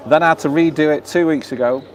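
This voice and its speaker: A man's voice: on the high side, fast talker, a faint crowd. A man hosting a casual live stream outdoors, chatting away and reading viewer comments aloud. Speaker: vlogger and live-stream host. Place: outdoors in a seaside town, then a lounge bar.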